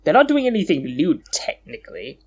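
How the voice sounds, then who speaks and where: Joking, swearing podcast co-host. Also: male voice, on the high side, wildly swooping pitch, a little fast, slightly rough. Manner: joking, bickering, swears freely. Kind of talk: casual chat.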